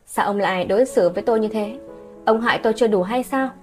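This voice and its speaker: A woman's voice: fairly high pitch, quick pace, soft background music, natural voice. Woman doing a furious scolding mother. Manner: scolding, sharp demanding questions. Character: hardworking middle-aged mother, furious and hurt.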